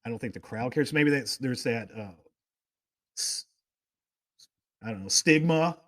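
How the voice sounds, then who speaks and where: A male talk show host chats casually and drifts from one excited story to the next. His voice sits at an ordinary pitch and gushes with fan enthusiasm. The sound is dry, with no room echo. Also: unhurried. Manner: rambling storyteller, goes off on tangents. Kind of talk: casual chat.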